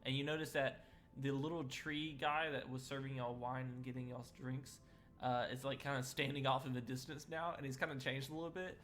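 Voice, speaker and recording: A man's voice: mid-range voice, little pitch movement, fairly quick, fairly bright tone, a little hiss or hum. Rambling, chuckling man game master. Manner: rambling, chuckling, many fillers. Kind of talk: narrating a tabletop game.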